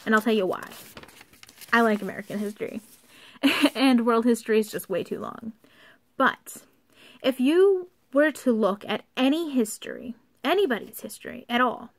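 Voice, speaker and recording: A young woman giving an earnest, somewhat halting rant to camera from a basement, partly reading from her notes. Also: fairly high pitch. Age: young adult. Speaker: vlogger. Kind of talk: informal video rant, partly read from notes. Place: unfinished basement used for storing workout equipment.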